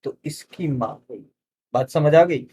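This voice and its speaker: Chatty अंदाज़ में समझाता पुरुष शिक्षक. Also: male voice, on the high side, measured pace, mellow, husky. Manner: chatty, addresses viewers as friends, checks understanding often. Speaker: reasoning teacher for exam prep. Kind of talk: explaining solved exam questions.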